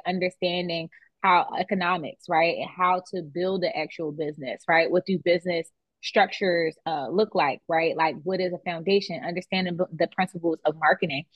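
A woman's voice: fairly low pitch, no echo, muffled recording. A woman in her twenties, a beauty business founder, talking casually as a guest and tagging her points with "like" and "right?". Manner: conversational, many "like" and "right?" tags. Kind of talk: casual interview chat.

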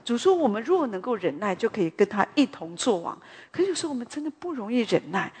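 A woman giving a conversational sermon at a women's prayer meeting, a chatty, animated storyteller who drifts into asides. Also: fairly high pitch, fast talker, husky. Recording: long hall reverb.

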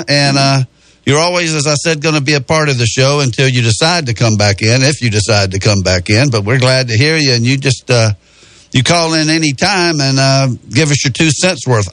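In a radio studio, a man with a Southern US accent and rural drawl hosts a casual sports talk show in a folksy manner. Recorded on a close studio mic with no room sound, his medium-pitched voice is a bit bright.

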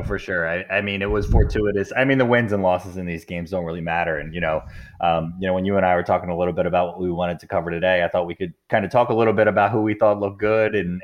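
Podcast host: man, low voice, laid-back, chuckles, casual sports chat. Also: dull audio.

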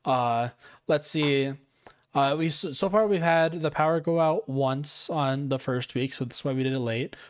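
A man's voice: a little high, unhurried, a little hiss or hum. A young man hosting a podcast in casual chat, rambling and self-mocking, laughing often. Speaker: podcast host.

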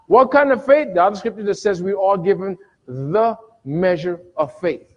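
A middle-aged male pastor with a husky voice, preaching a sermon with sudden loud bursts and dramatic pauses, recorded in a church sanctuary. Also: extremely high pitch, dull audio. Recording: long reverb of a church hall.

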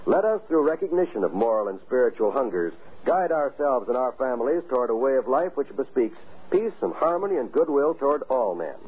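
A man's voice: mid-range voice, sing-song, fairly quick. A man giving a solemn, formal scripted address in the manner of an old-time radio announcer, with earnest oratory. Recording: tinny, phone-like old radio recording.

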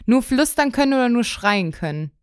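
Eine junge Frau, die als Co-Host im lockeren Podcast laut und sprunghaft erzählt, oft mit Neuanfängen. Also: female voice, fairly high pitch, animated, brisk, smooth, no room sound, studio quality. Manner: rambling, restarts, loud. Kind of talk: casual chat. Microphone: close podcast mic.

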